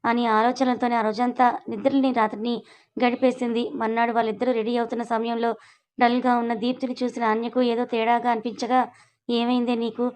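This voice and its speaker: A woman storyteller narrating a written story aloud in a brisk, steady reading. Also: a little high.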